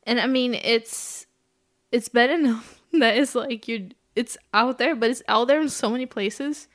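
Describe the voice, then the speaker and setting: Soft-spoken woman podcast host. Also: fairly high pitch, unhurried. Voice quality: soft, soothing voice. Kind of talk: casual chat.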